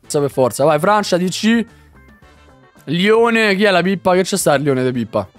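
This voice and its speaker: Loud swearing young gamer. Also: male voice, high voice, expressive, normal speed. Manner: loud, swearing, shouts at big pulls. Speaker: gaming streamer. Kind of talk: excited pack-opening commentary. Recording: faint music behind.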